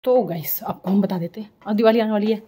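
A woman in her forties talks casually in a home vlog, her mid-range voice fast and mellow. She sounds breathless from cleaning and complains in a self-deprecating way. She's a vlogger and mother recording indoors at home, with slight background noise.

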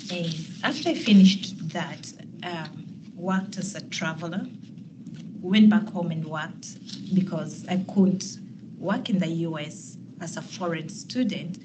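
A woman from Kenya, a nurse telling her story on a panel in a relaxed, self-deprecating way. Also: on the low side, takes it slowly. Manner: laid-back, self-deprecating, many ums. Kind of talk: personal storytelling. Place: meeting room, seated at a long table. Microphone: far room camera. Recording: distant mic with room noise.

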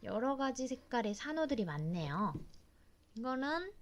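A woman's voice: on the high side, sing-song, moderate pace. A woman reading a picture book aloud to her toddler, exclaiming in a sing-song way and asking playful, simple questions. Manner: exclaiming and sing-song, child-directed, polite simple sentences.

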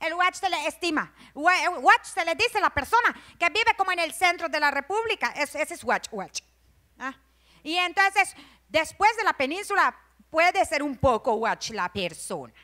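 Yucatecan woman stand-up comic; high, bright voice; animated storyteller who slips into characters. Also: normal speed. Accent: Yucatecan Spanish. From Yucatán, Mexico. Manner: animated storytelling, acts out gossiping neighbors and scolding mothers. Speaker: stand-up comedian. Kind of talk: stand-up comedy monologue.

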